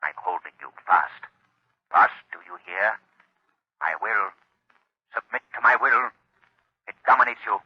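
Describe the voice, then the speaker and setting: The Shadow, a husky, menacing avenger. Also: male voice, on the low side, lively intonation, no room sound. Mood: domineering, gloating. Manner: slow, theatrical, domineering pronouncements. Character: menacing, unseen male avenger passing judgment on the guilty. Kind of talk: 1930s radio drama acting. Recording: dull, lo-fi 1930s radio recording.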